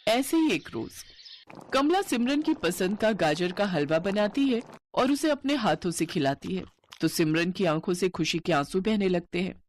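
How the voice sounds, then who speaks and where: A woman narrating a cartoon story in a clear, steady storytelling way. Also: mid-range voice.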